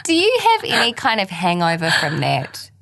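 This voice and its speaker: A woman's voice: on the low side, huge pitch swings, moderate pace, gravelly, fairly bright tone, no room sound. A woman co-hosting a podcast, asking reflective questions and murmuring agreement. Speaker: podcast co-host. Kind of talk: casual chat.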